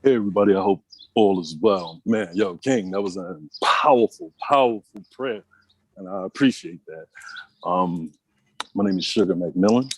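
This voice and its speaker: Deep husky man, friendly introduction. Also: normal speed, dry recording, rough recording. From New York. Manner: friendly, relaxed, many ums. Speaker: member introducing himself. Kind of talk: casual self-introduction.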